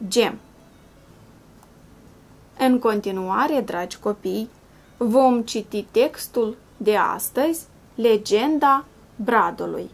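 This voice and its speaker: A patient woman teacher with a fairly high voice talks young pupils through a reading lesson, breaking each word into syllables and sounds. Her voice-over sits over quiet background music. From Moldova. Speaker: primary school teacher. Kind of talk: slow, clear classroom video lesson.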